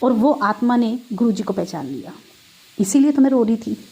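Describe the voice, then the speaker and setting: A woman's voice: on the high side, lively intonation, normal speed, darkish tone, breathy edge. A woman giving a spiritual testimony to a congregation, telling her story in a heartfelt, conversational way and often speaking to her listeners directly. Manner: conversational, with everyday Hindi-English mixing.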